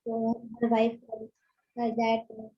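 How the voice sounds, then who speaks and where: A hesitant woman speaks slowly and breathily with a rather high, flat voice. Her volume keeps dropping in and out over a dull, lo-fi online call. She halts often with fillers and broken grammar. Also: husky. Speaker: student. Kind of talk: halting spoken retelling in an online class. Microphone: online call, computer mic.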